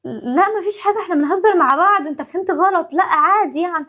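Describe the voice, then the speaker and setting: A woman's voice: very high-pitched, fairly bright tone. A woman with an Egyptian accent playing a put-upon young wife and mother in a family sketch, talking in an exasperated, pleading way. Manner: exasperated, pleading, quick rapid-fire talk. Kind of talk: home-video family sketch acting.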